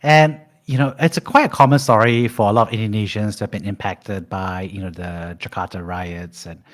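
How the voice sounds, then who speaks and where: A man with a fairly low voice hosts a podcast interview. He sounds upbeat and enthusiastic, and he leans on "uh" fillers as he builds up his questions. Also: fairly even intonation, a little fast. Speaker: podcast host. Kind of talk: casual interview hosting.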